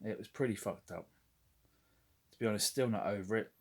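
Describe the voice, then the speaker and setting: A man with a fairly low voice talks about his collection in a loose, unscripted vlog. He rambles, fills gaps with "uh", and swears casually, and he comes across as frank and conversational. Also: fairly quick, slightly rough. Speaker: toy collector vlogger.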